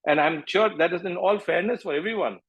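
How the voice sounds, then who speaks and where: A man's voice: high voice, brisk, a bit bright, husky, poor audio. A middle-aged man from northeast India with an Indian accent, speaking emphatically as an interview guest, repeating points and slipping into Hindi phrases. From Manipur, northeast India. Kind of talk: impassioned political interview talk.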